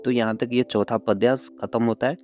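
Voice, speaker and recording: A man's voice: medium pitch, steady tone. A man teaching a class, explaining a poem line by line and going over each phrase again in simple words. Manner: explains slowly, repeating phrases with yaani and matlab. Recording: dull lo-fi sound with soft background music.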